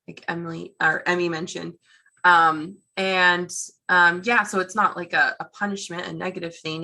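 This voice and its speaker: A woman's voice: lowish voice, vocal fry, sharp tone. A woman presenting an online workshop over a video call, chatty and encouraging with many fillers. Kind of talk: online teaching session.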